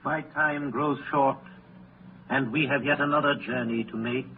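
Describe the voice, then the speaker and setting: An actor playing a solemn, probing ghostly guide in a 1930s radio drama, measured and declamatory. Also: male voice, medium pitch, steady tone, gravelly, slight background noise. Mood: stern, grave. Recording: tinny 1930s radio broadcast with music.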